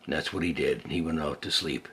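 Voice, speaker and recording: With a husky, gravelly bass, a grandfatherly older man reads a kids' story fast in a pushed, bright delivery. He keeps it folksy and conversational, adding easy side comments meant for a little child. Some faint hiss or hum is audible.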